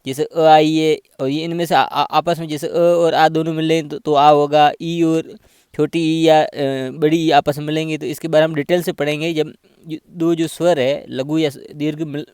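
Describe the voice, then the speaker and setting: A man's voice: a little high, level tone, moderate pace, darkish tone, clean tone, dry recording, studio quality. A man teaching a grammar lesson, patiently spelling out examples one by one.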